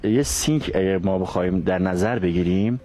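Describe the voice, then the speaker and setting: Hesitant low-voiced man recounting. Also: dark tone, soft background music. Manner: hesitant, many filler sounds. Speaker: interview guest. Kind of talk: recounting a near-death experience.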